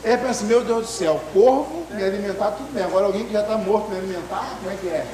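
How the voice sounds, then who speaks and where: A man preaching a sermon in an emotive way, swinging between loud outbursts and hushed asides. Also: sits high, fast talker, reverberant, a crowd in the background, poor audio.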